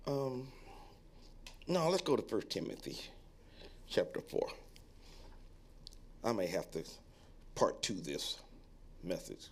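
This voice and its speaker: A male pastor preaching a sermon in an animated, joking way, acting out onlookers' voices and then dropping to a quiet tone to exhort. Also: slow, pauses often. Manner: drops to a low, quiet tone when reading and exhorting.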